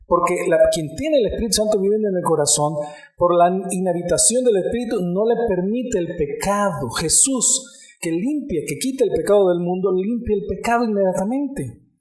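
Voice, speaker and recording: A man's voice: sits high, animated, moderate pace, darkish tone, reverberant. A male pastor preaching a sermon, calling "amén" often and speaking straight to the congregation. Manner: preaching with frequent "amén" and direct address to the congregation.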